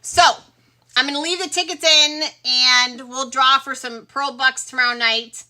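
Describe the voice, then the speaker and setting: A woman's voice: high-pitched, fairly even intonation, measured pace, pushed and bright. A middle-aged woman hosting a casual live stream, chatting with viewers and sounding tired. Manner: chatty, friendly sign-off to viewers. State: tired, yawning. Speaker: livestream host selling pearls. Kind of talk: casual livestream chat.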